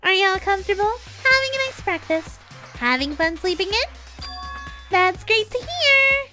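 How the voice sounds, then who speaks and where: A woman's voice: extremely high pitch, big pitch swings, measured pace, over music, voice pushed up, heavily acted. A woman voicing a gleefully sinister killing game announcer, mocking and singsong, toying with captives in a theatrical villain announcement. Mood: mockingly cheerful.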